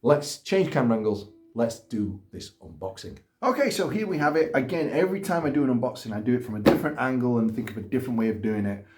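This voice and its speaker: A man's voice: mid-range voice, lively intonation, fast, hardly any pauses, a little mellow, a little hiss or hum. A man hosting a casual gaming video, chatting in a rambling, self-deprecating way. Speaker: gaming YouTuber host. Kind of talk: casual chat. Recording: roomy echo.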